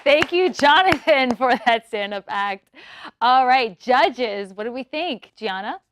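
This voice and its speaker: A woman's voice: on the high side, fairly even intonation, normal speed, slight background noise, close to an everyday voice. A woman playing an upbeat female talent-show host who introduces the judges and the acts. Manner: upbeat presenter patter.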